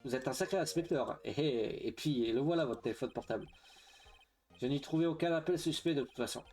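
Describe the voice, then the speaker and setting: A man voicing a gruff, friendly police detective in a video game, dropping low at the ends of phrases. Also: brisk, darkish tone, faint music behind, close to an everyday voice.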